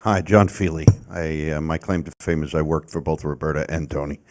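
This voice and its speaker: A man's voice: extremely low pitch, little pitch movement, brisk, slight background noise. A man and former ambassador asking a courteous, anecdotal question from the audience at a panel.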